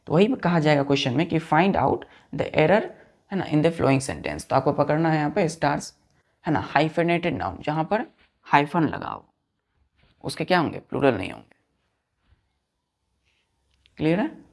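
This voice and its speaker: A man's voice: fairly high pitch, very animated, moderate pace, creaky, pauses often. A man leads an online grammar lesson in a patient, repetitive way. He often asks his students whether they have understood. He mixes English terms into his explanations. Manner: asks students repeated check questions. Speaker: teacher.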